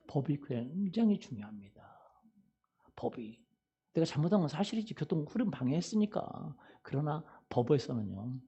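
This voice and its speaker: A man's voice: a little high, a little mellow, breathy edge. A male pastor giving a Sunday sermon, quizzing the congregation with fill-in questions and repeating "hallelujah" and "right?". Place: church sanctuary.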